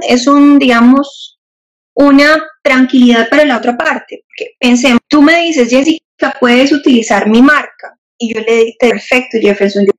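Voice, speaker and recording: A woman guest explaining legal matters in an interview, measured and clear, using examples and asking rhetorical questions. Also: sits high. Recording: dull muffled audio.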